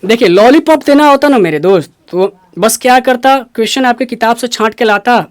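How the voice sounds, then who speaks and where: A man's voice: very high-pitched, dry recording. Bihari man teaching Hindi sounds, dry mic. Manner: explains step by step, repeating sounds slowly for the learner. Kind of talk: classroom lesson on Hindi pronunciation.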